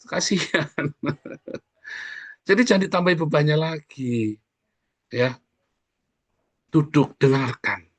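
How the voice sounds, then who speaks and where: A man's voice: a little high, lively intonation, no room sound. Man preaching in a chatty sermon. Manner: conversational preaching, often addresses listeners directly; sings short worship lines softly and slowly. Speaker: pastor.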